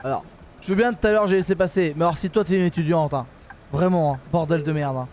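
A man's voice: on the high side, fast, a little hiss or hum. A man streaming live gameplay, exasperated and swearing, swinging from mutters to outbursts and laughing at himself. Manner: animated, jumps from mutters to outbursts. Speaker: streamer playing a bus simulator.

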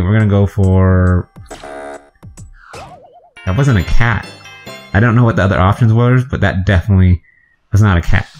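A man with a deep, low voice gives chatty let's-play commentary, talking to himself as he guesses his way through a video game. Faint game music runs underneath his talk. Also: darkish tone. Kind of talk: gameplay commentary.

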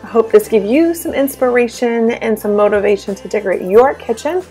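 A woman's voice: on the high side, brisk, dark tone, soft background music. A woman in her thirties chatting casually in a voice-over about her kitchen decor, with plenty of ums and asides. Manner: chatty, with frequent um fillers and asides. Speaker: home cleaning and decor vlogger.

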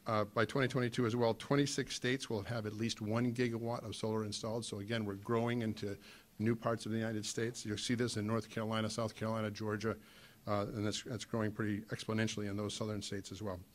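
Middle-aged male panelist, lowish pitch, podium mic, filler-heavy delivery. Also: level tone. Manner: halting, many fillers and restarts. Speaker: trade association panelist. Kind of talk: conference panel talk. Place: meeting room, indoors.

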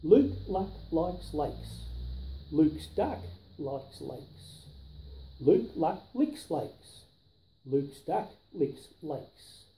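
On a living-room sofa, a grandfather storyteller in his seventies reads a rhyming children's book aloud, setting down each tongue-twisting word carefully and with emphasis. His voice is a little high, very animated, gravelly and dark, with drawn-out words. A camera a few feet away picks up roomy echo and a little hiss or hum.

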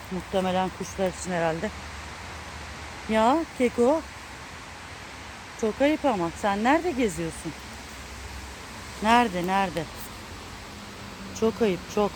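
A woman with a somewhat high voice coaxes and gently scolds her cat as she walks outdoors. It is filmed on a handheld phone in the street, with loud traffic and outdoor noise behind her. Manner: coaxing, scolding a pet fondly. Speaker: cat owner filming her found cat. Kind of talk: casual walking vlog. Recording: noisy outdoor street recording.

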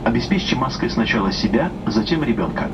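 A man formally reads a scripted flight safety demo announcement in a measured manner. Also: mid-range voice, expressive. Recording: muffled distant cabin speaker, loud aircraft noise. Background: loud aircraft cabin noise.

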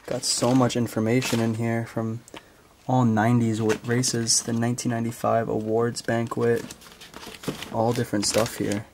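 A man exploring an abandoned speedway building, giving quiet, offhand commentary. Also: medium pitch, normal speed, noisy background. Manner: quiet, flat, offhand remarks. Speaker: urban explorer filming a walkthrough.

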